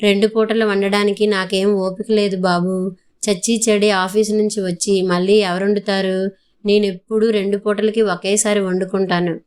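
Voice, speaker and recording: A woman voicing a sharp-tongued, quarrelsome young woman in a storybook reading, with a smooth, fairly flat voice. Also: mid-range voice, moderate pace, close to an everyday voice. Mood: scornful. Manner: scornful, quarrelsome.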